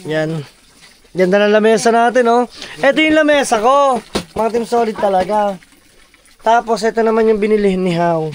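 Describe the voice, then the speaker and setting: A man's voice: high-pitched, expressive, normal speed. A man vlogging outdoors at a camp build site, talking directly to his viewers in a casual, upbeat way. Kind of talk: casual vlog narration.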